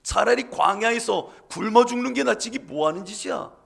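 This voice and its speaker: Pastor guy playing an angry mob of ancient men yelling and jeering, pitched way up, gravelly. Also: brisk, full character voice. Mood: furious. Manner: accusing, shouting, mocking. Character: angry shouting crowd of Israelite men.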